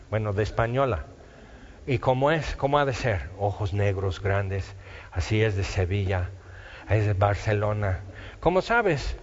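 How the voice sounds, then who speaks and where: Male preacher, fairly high voice, casual rhetorical questions, dull hall sound. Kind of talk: sermon.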